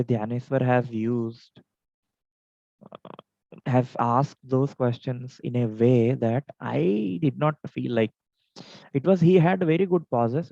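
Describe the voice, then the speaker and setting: A man's voice: mid-range voice, mellow, dry recording. Indian guy teaching speech tips on a video call, dry throat, dull dry sound. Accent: Indian English. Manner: instructive, list-like, varies pace for examples. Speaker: speech contest trainer. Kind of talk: online educational talk. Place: home, online meeting.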